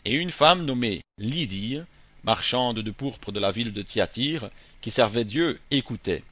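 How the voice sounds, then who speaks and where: A man giving a scripted Bible reading in a measured, even delivery, phrase by phrase. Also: mid-range voice, no room sound. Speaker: scripture reader. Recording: dull, dry close recording.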